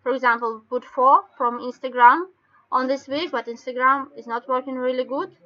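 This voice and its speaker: A woman with a Russian accent explains things step by step in halting non-native English, like an informal online training session. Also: high-pitched, fairly even intonation, bright, forceful tone. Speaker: webinar presenter. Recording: dull lo-fi webinar call audio.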